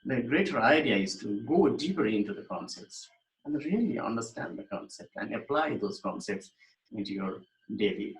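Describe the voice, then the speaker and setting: Speaking in a fairly low voice, a Nepali man delivers a recorded lecture. His explanations are thoughtful but interrupted by fillers and restarts, and the room gives off a noticeable echo.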